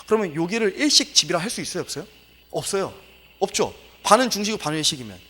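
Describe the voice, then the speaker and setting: A man's voice: high-pitched, big pitch swings, fast, sharp tone, breathy edge, long reverb tail. A male pastor giving a sermon lecture, emphatic and exclaiming, with many filler words.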